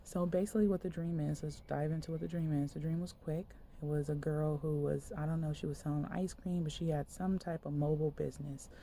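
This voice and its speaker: Woman minister, gravelly low-pitched voice, casual rambling sermon delivery, faint background hiss. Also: fairly even intonation, fairly quick, few pauses, mellow. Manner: conversational, loose, many fillers like "like". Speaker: minister sharing a dream. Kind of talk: casual spoken sermon, retelling a dream.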